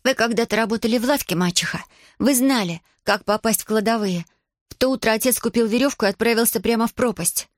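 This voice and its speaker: A woman's voice: fairly high pitch, fast talker, dry recording, studio quality, pitched above the performer's own voice, natural voice. A woman voicing a determined young orphan girl who stands up to her stepmother, speaking firmly and pointedly, read for an audiobook. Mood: defiant. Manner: firm, pointed and steady.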